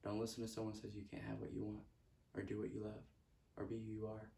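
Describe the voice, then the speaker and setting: A man's voice: on the low side, monotone, fast talker, vocal fry, dark tone. Guy doing a motivational talk, repeats his affirmations, sounds far from the mic in an echoey room. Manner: earnest, repetitive affirmations with stray laughs. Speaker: self-help speaker.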